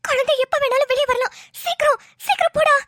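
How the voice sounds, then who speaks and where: A woman's voice: very high voice, fast, a bit bright, no room sound, studio quality. A woman voicing a young woman in a cartoon who takes charge in an emergency, urgent and commanding. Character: alarmed young woman, bossy in a crisis. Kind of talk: cartoon voice acting.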